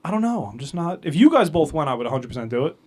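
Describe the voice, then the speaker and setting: A man's voice: fairly high pitch, big pitch swings, very fast. A man co-hosting a casual podcast, joking and teasing his friends. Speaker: podcast co-host. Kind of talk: casual chat.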